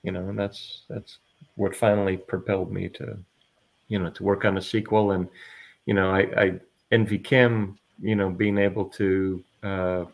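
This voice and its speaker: Male author guest, lowish gravelly voice, reflective and halting, lots of fillers. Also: level tone. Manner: hesitant, reflective, many fillers. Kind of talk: casual interview chat.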